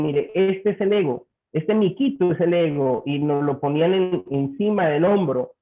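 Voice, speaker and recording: A male pastor teaches his congregation, telling lively anecdotes and putting on the voices of the people in them. His voice sits a little high for a man. The sound is thin and tinny, as if carried over a phone line. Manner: animated storyteller, acts out quoted voices. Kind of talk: sermon-style teaching.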